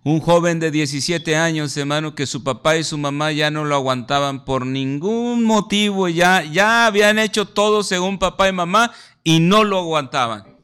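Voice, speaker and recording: A man's voice: fairly high pitch, moderate pace, a bit bright, clear, resonant tone. A man preaching a sermon, emphatic, often calling listeners "brother" and acting out little scenes. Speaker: pastor.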